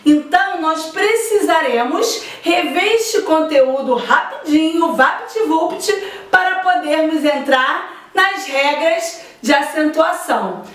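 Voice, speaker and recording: A woman teacher gives a slow, deliberate grammar lesson and stretches out her example words. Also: high voice, expressive, a bit bright, distant mic. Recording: echoey room, voice off-mic.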